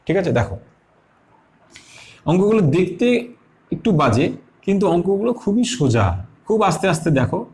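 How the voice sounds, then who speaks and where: A man with a Bengali accent teaching maths, patiently explaining each step slowly and repeating himself, asking questions and then answering them. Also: high-pitched, big pitch swings, a little mellow. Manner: asks and answers his own questions.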